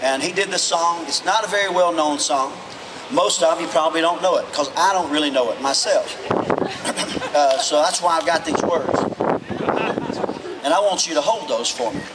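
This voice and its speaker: A man gives casual between-song patter as an [name] tribute act. His voice sits a little high for a man. It comes through a live outdoor stage PA, picked up from the audience. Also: normal speed, pauses often, far from the mic, heavy background noise. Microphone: handheld stage microphone.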